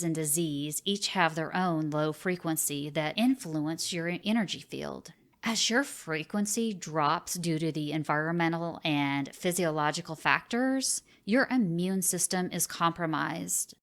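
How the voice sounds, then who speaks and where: In a lowish voice, a woman delivers a spiritual self-help lesson with deliberate earnestness, leaning on key phrases the way an instructor would.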